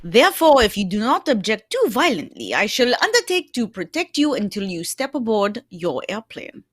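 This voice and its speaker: A woman's voice: mid-range voice, very animated, fairly bright tone. A woman voicing a formal, courteous male Belgian detective with a French-tinged accent, in the style of an old radio drama. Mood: earnest, formal. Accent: French-tinged Belgian accent, put on. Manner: formal, polite, measured foreign phrasing.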